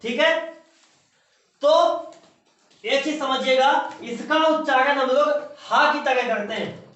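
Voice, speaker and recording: High-voiced man teaching in an echoey room. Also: slow, bright, forceful tone. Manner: repeats key terms and asks the class rhetorical questions. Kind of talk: classroom lecture. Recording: echoey distant room, muffled.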